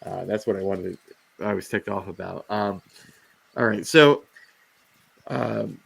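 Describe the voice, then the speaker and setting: A man with a fairly low, creaky, slightly bright voice and a breathy edge speaks at a measured pace; the audio is poor but has no echo. He hosts a reptile livestream, chatting casually and rambling into rants, full of fillers and restarts as his voice gives out.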